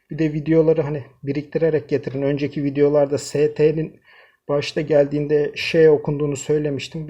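A man with a husky, somewhat breathy voice talks through a language lesson, walking his viewers through each pronunciation rule in turn. His tone is dark and mellow, and his delivery stays fairly flat and even. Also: fairly high pitch. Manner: explains step by step, addresses viewers directly. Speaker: language teacher. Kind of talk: screen-recorded language lesson.

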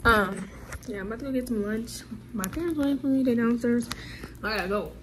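A young woman chats casually into her phone camera for a vlog, rambling and using lots of fillers. Her voice is a little high and fairly quick, and the phone recording is noisy.

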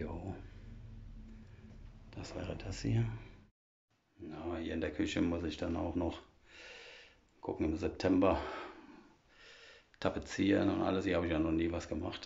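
A man's voice: deep voice, level tone, takes it slowly, vocal fry, long pauses, darkish tone, dull audio. A man chatting casually as he walks through his old half-timbered house with a phone camera, explaining things step by step with lots of fillers. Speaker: vlogger giving a home tour. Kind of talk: casual walkthrough chat. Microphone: phone camera held while walking.

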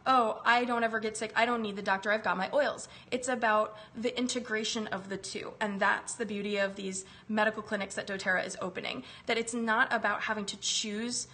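A wellness live-stream host in her thirties chats from her home kitchen while recovering from a chest virus, greeting viewers by name. Her medium-pitched voice is fairly bright and fairly even, moving fairly quickly with few pauses. A phone camera picks her up close.

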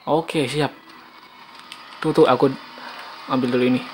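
A young Indonesian man giving chatty, excitable gameplay commentary, casually slipping in bits of English. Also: medium pitch, unhurried, background noise. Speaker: gaming video host. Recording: game music behind the voice. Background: video game soundtrack.

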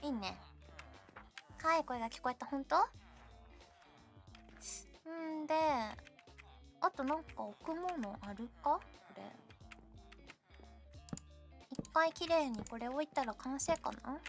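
A woman's voice: sits high, expressive, measured pace, long pauses. A young woman streaming a game, chatting and teasing her viewers in a playful, talkative way. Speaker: VTuber streamer. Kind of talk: casual game stream chat. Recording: faint music behind voice.

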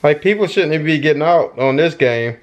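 A middle-aged man giving casual gameplay commentary into a headset mic, breaking into excited shouts and yelps. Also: on the high side, brisk, muffled recording. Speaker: gaming YouTuber. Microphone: gaming headset.

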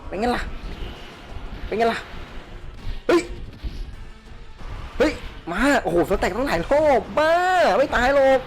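A man hosts his gaming channel with live commentary of his play. He is excitable and crude, yelling at the characters on screen as they fight. Faint game music plays beneath his voice. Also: sits high, unhurried, creaky, long pauses.

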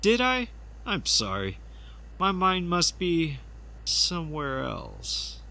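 A man's voice: medium pitch, very animated, moderate pace, bright, forceful tone. A man voicing a creepy, awkward hotel-keeping killer in a comedy animation, hesitant and unsettlingly intense. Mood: evasive.

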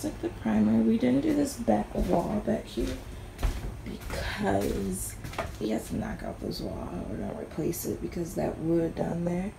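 A woman's voice: medium pitch, creaky. A young woman casually chatting to viewers about renovating a small trailer, filming with a handheld phone. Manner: chatty, addresses viewers as y'all, drops to a whisper at times. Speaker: vlogger. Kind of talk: casual walkthrough vlog. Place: inside a small travel trailer under renovation. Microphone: phone camera held while walking. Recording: noisy phone recording with sanding noise.

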